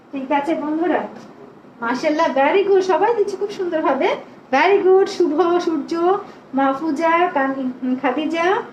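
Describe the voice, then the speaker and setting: High-voiced woman teaching in an echoey room. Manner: slow, stretched demonstration of English sentences. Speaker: English teacher. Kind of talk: online class for children. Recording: echoey room, faint background noise.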